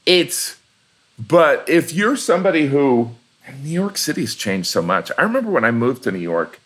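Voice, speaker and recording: Animated Midwestern man, lively pitch. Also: normal speed. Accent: Midwestern American. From Indiana. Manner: animated storyteller, shifting into voices for quotes. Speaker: comedian guest. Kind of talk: casual conversation.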